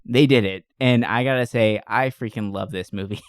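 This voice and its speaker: In a laid-back movie review chat, this podcast co-host talks informally and with enthusiasm, full of slang. He has a mid-range voice at a moderate pace, and the recording is clean studio sound without echo.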